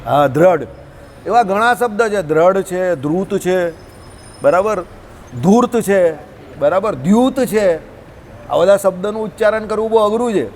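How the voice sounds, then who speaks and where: Gujarati man, informal religious teacher, high-pitched, chatty, quizzes his listeners. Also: animated, measured pace, a little mellow, slight background noise. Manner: conversational, asks listeners questions often. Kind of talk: informal scripture talk to a group.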